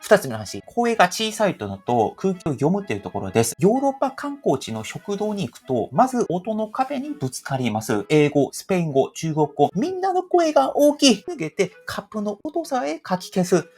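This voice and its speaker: Husky young man, lively delivery. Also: high voice, brisk, hardly any pauses, faint music behind. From South Korea. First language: Korean. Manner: acts out quoted reactions. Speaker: YouTube host. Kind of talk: scripted explanatory talk.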